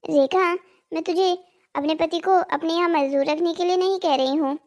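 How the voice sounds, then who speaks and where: A woman's voice: very high-pitched, steady tone, normal speed, a little mellow. A woman voicing a greedy, nagging village wife in a cartoon drama, scolding and pleading.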